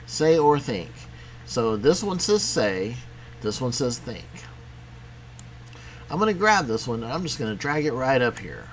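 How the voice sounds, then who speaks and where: A man teaching a programming lesson in a casual, conversational way, talking as he clicks through software. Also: medium pitch, sing-song, measured pace, long pauses, slight background noise. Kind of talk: screen-recorded coding tutorial.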